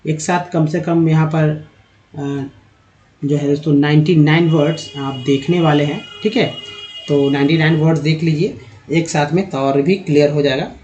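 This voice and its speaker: A man's voice: fairly high pitch, steady tone, normal speed, a little mellow. A man with a Hindi accent teaching English pronunciation from slides, patiently spelling words out letter by letter. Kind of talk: slide-based spoken lesson. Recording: dull lo-fi sound.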